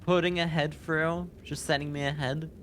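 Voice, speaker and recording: A man playing a puzzle game with a partner, answering briefly and calmly in casual chat. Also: a little high, normal speed.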